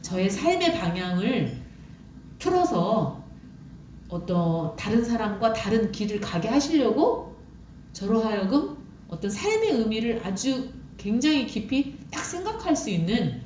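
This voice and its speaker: A woman preaching a sermon, chatty and loose, with many pauses and fillers as she shares her own story. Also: fairly high pitch, big pitch swings, darkish tone. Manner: conversational, with many fillers and personal testimony. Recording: echoey room from far off, faint noise.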